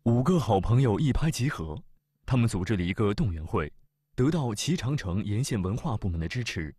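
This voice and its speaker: A man narrating a travel documentary in a measured, formal way. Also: fairly low pitch, warm tone, husky, no room sound, studio quality. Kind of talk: scripted narration.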